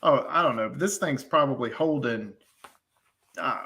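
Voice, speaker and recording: A man, an HVAC technician, telling animated trade stories in casual podcast chat, full of slang. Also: medium pitch, measured pace.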